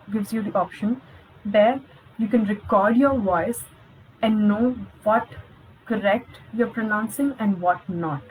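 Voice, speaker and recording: A woman's voice: mid-range voice, darkish tone, a little hiss or hum, low-quality recording. A young woman, giving an encouraging online lesson as a spoken coach, speaking directly to her viewers. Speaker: spoken English skills coach.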